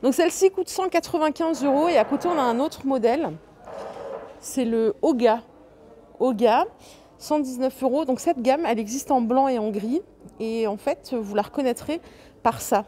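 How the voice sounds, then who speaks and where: A woman's voice: fairly high pitch, dark tone. A woman giving a chatty, enthusiastic shopping walkthrough inside a large furniture store, listing prices and sizes. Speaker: shopping vlogger. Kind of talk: casual store walkthrough vlog. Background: faint store ambience.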